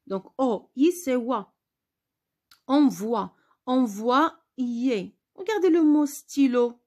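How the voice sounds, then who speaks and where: A woman teacher giving a spelling lesson, patiently repeating words slowly for her pupils. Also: high-pitched, mellow.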